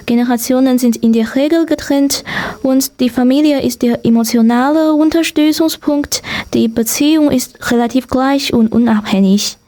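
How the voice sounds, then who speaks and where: A woman's voice: high-pitched, moderate pace, mellow. A young woman from China, speaking German with a Chinese accent, giving prepared answers as a guest with some hesitation. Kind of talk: prepared answers in a student radio talk.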